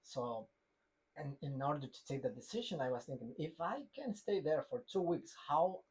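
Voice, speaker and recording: A man from Ecuador with an Ecuadorian Spanish accent, co-hosting a podcast in halting, unhurried casual chat. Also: on the high side, lively intonation, a little mellow, slightly rough, rough recording. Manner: halting, many fillers and restarts, non-native phrasing. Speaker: podcast co-host.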